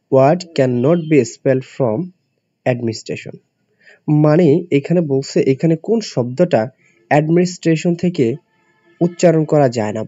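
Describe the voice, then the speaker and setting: A man's voice: fairly high pitch, dark tone, slightly rough, dry recording. A male teacher from Bangladesh giving an English spelling lesson. He explains step by step, spells out letters and keeps asking his students questions. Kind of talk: classroom-style lesson for admission students. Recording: dull, dry lo-fi recording.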